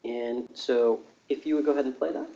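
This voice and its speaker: A man working as an attorney, questioning a witness in court with halting, rephrased questions. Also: medium pitch, fairly even intonation, background noise. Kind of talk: courtroom examination. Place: indoor courtroom. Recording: echoey, muffled courtroom audio.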